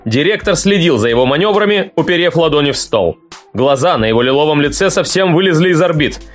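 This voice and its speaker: A man narrating a story in a steady, even storytelling manner. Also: on the high side, fast, soft background music. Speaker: audiobook narrator.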